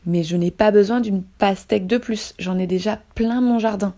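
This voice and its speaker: A woman voicing a stately animal king who speaks softly and kindly at first. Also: mid-range voice, normal speed, lightly acted. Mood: calm. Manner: soft and stately, prone to anger. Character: regal animal king, gentle then furious.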